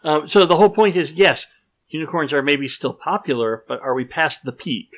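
A man co-hosting a casual podcast, reading listener questions and chatting with animated, exasperated reactions. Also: a little high, moderate pace. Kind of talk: casual chat.

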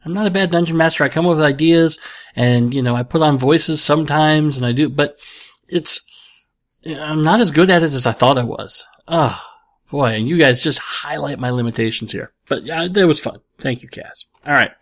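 A man's voice: on the high side, moderate pace. A man hosting a show, answering listener questions in casual chat, rambling and self-deprecating with many restarts.

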